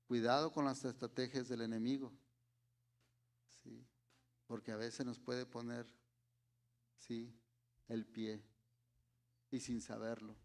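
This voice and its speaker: A man with a Mexican Spanish accent preaching a sermon in a slow, deliberate way, often checking in with his listeners. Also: mid-range voice, little pitch movement, gravelly.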